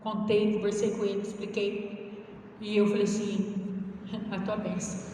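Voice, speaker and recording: A woman's voice: mid-range voice, level tone, normal speed, dark tone, a little hiss or hum. A Brazilian woman missionary preaching a Pentecostal sermon with an impassioned, chanting, rising cadence. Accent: Brazilian Portuguese. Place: large church hall. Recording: echoey church hall from far off.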